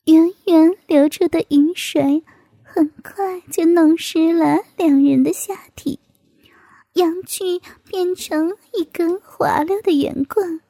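A woman narrating a story in a hushed, intimate whisper. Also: extremely high pitch, steady tone, slow pace, no room sound.

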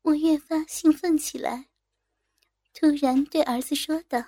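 Soft-voiced woman reading a story. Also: high voice, steady tone, unhurried, no room sound. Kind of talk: first-person story reading.

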